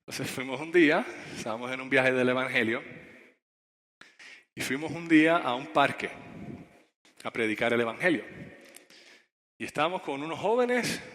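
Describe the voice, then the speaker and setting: A male preacher giving a sermon, telling a story to young people and speaking straight to them with questions. His voice is bright and forceful, and it rings with a long hall reverb. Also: medium pitch. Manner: direct, addresses the audience with questions.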